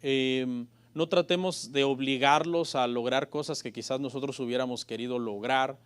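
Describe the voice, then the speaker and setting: A man preaching a church sermon as pastor, often calling his listeners brothers and moving between loud emphatic peaks and quiet asides. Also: medium pitch, steady tone, moderate pace, clear, resonant tone. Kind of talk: Spanish-language church sermon.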